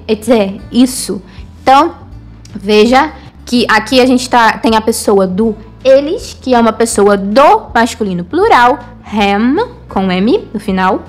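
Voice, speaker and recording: High-voiced woman teaching a language lesson. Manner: patient, repeats and explains each example. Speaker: Hebrew teacher.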